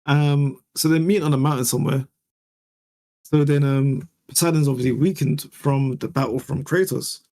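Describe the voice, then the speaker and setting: A man's voice: medium pitch, steady tone, moderate pace, a little mellow. A young man co-hosting a podcast in casual chat, laughing often and acting out scenes as he retells them. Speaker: podcast co-host.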